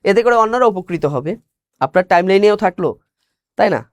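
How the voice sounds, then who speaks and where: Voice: mid-range voice, expressive, a little fast, dry recording. Teacher quizzing the class. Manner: asks questions and answers them, repeats key words. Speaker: exam-prep teacher. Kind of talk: live online class.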